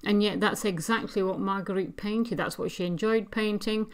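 A woman presenting paintings for an auction preview, speaking in a measured, appreciative way with frequent pauses. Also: medium pitch, steady tone, clean tone. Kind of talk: art commentary on paintings.

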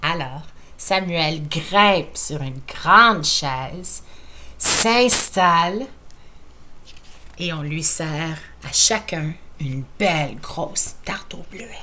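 A teacher with a Quebec French accent reading a picture book aloud in a playful, expressive way, talking to young listeners. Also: female voice, sits low, drawn-out words, slight background noise.

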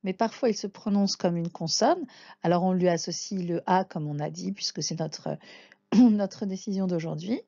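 A woman's voice: lowish voice, normal speed, vocal fry, mellow, no room sound, dull audio. A woman teaching a language lesson, patiently naming and sounding out letters one by one. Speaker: Hebrew teacher. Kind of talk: slow spoken lesson.

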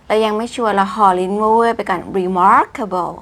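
A woman giving a casual English vocabulary lesson, drawing out each word slowly with exaggerated mouth shapes. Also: medium pitch, level tone, a bit bright. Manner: exaggerated slow pronunciation of English words; chatty, polite particles.

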